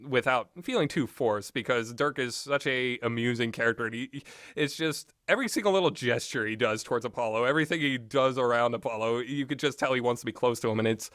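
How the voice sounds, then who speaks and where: This visual novel game commentator has a mid-range, fairly bright voice, recorded dry at studio quality. His commentary is rambling, opinionated and informal, delivered off the cuff with emphatic repetition.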